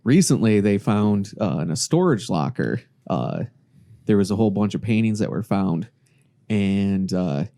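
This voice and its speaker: A man hosting a casual podcast chat, relaxed and telling stories and facts to his friends. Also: lowish voice, measured pace, creaky. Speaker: podcast host.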